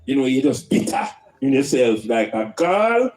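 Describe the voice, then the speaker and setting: A man's voice: mid-range voice, sing-song, normal speed, a little mellow. A man with a Jamaican accent speaking in Rastafarian style, preaching and teaching emphatically with rhetorical questions and Rastafari idioms.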